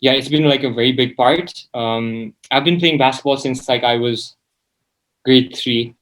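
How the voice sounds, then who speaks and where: This seventeen-year-old guest from Nepal talks at a moderate pace in a fairly bright, mid-range voice, captured in low quality. A student, he sounds hesitant and informal, with "like" cropping up again and again.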